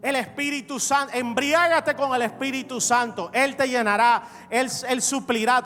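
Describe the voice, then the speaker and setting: A male pastor delivering an evangelical sermon, emphatic and repetitive, building to shouts. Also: very high voice, steady tone, normal speed. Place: church sanctuary. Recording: reverberant hall with faint music.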